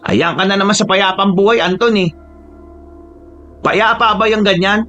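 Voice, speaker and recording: Excitable young friend, voiced by a male narrator; fussy, high and lively. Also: moderate pace, lo-fi sound, faint music behind. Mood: exasperated. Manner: fussy, exasperated, talkative. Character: excitable young man, loyal worried friend.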